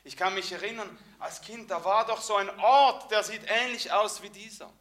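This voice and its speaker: A man preacher voicing a humble crippled man who speaks quietly and hesitantly, unsure of himself. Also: high voice, normal speed. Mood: wistful.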